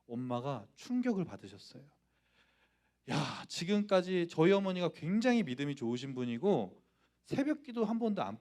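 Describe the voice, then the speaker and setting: A man's voice: high-pitched, a little mellow. A male pastor from Gangwon Province in Korea preaching a storytelling sermon in church, acting out dialogue and speaking directly to the congregation. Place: church, Friday prayer meeting.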